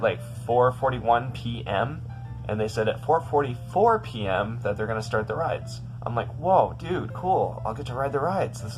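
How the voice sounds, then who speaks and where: A young man with a low voice vlogs from his bedroom about a rough day. He rambles and restarts often, sounding upset. Faint music plays underneath. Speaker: vlogger. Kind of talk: casual storytelling vlog.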